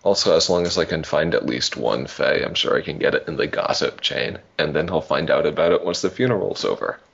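A man playing a tabletop roleplaying game, speaking casually in character with a dry, deadpan manner. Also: extremely low pitch, brisk, vocal fry, husky. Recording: slightly muffled recording.

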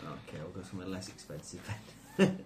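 A man's voice: sits low, fairly even intonation, a little fast, a little mellow. A man chatting casually as a player in a tabletop role-playing game. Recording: noisy home-style group recording.

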